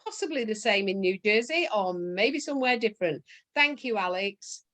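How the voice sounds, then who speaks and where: A woman's voice: mid-range voice, animated, moderate pace, a bit bright. A woman hosting a casual interview, chatty and rambling as she signs off. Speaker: host.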